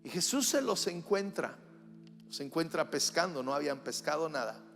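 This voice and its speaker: A man's voice: a little high, lively intonation, moderate pace. Passionate male preacher in a reverberant church. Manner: passionate preaching, swinging from loud declarations to hushed soft passages. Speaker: pastor. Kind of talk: live church sermon. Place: church sanctuary during a service. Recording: reverberant church hall with faint music.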